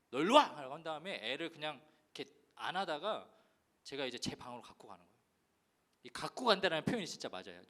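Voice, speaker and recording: A man's voice: high-pitched, pushed and bright. A male pastor giving a sermon, telling a candid personal story in a confessional tone and acting out the voices in it. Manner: acts out scolding voices in his story.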